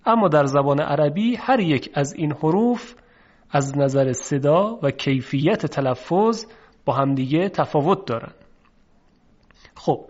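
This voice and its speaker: A Persian-speaking man teaching Arabic letter pronunciation for Quran reading, in a slow, measured lesson that draws out example words. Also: fairly high pitch. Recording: dull lo-fi recording.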